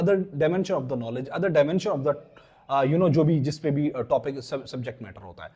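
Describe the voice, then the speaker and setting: A man from Pakistan giving a vocabulary lecture, explaining English words in Urdu, spelling them out letter by letter and reading example sentences slowly. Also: fairly high pitch, darkish tone, slightly rough.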